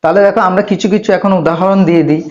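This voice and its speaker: Male grammar teacher, slightly high voice, repeats points patiently, roomy lo-fi recording. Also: steady tone, racing, a little mellow. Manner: patient, repeats key points, addresses student directly. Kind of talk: classroom-style lesson explanation. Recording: echoey room, dull lo-fi sound.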